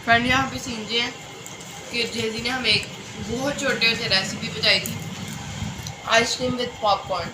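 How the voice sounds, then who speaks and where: A woman's voice: on the high side, fairly even intonation, moderate pace, noisy background. A woman chatting casually to her viewers as friends in a home vlog, filmed on a phone. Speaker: family vlogger. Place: family home indoors.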